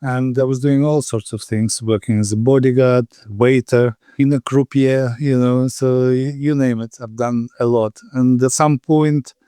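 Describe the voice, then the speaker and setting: A man in his fifties from Ukraine with a Ukrainian accent, a podcast guest telling his story casually with pauses and fillers. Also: mid-range voice, steady tone, dark tone, clean tone, dry recording. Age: 50s. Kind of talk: casual interview over a call.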